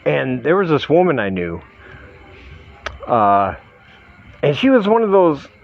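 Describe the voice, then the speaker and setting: Slow-talking, slightly drunk American man. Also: a little high, wildly swooping pitch, creaky, highs cut off, soft background music. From Michigan, United States. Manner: halting, self-deprecating, joking. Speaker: vlogger. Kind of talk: rambling comic monologue to camera.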